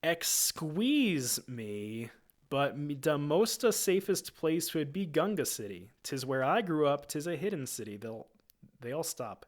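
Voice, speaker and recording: A man voicing a clumsy, goofy male amphibian alien who talks in drawn-out broken pidgin, in an amateur screenplay reading. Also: on the high side, very animated. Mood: goofy pleading.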